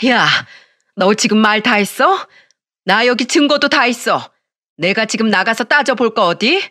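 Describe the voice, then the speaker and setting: A woman's voice: a little high, animated, measured pace, pushed and bright, no room sound, full character voice. A blunt, bossy middle-aged woman friend, put on by a female narrator scolds in a brash, accusing voice. The sound is dry and close, with no room around it. It comes across as a story read aloud. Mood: scolding.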